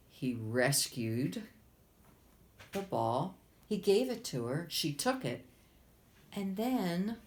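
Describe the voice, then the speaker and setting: Slow, lively-voiced woman librarian. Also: sits low, vocal fry. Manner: gentle, explains to kids, dramatic whispers. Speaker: children's librarian. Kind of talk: children's storytime.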